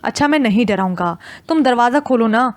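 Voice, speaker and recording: A woman voicing a gentle, teasing young husband who coaxes his wife in an audio novel. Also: on the high side, expressive, no room sound, lightly acted. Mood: coaxing. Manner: soothing, coaxing.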